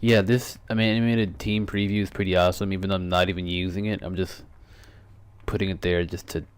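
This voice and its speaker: A man's voice: deep voice, flat delivery, clear, resonant tone, dry recording. A teenage boy casually commenting on an online game battle, rambling and correcting himself, a bit out of breath. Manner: rambling, self-correcting, quick asides. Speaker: gaming YouTuber.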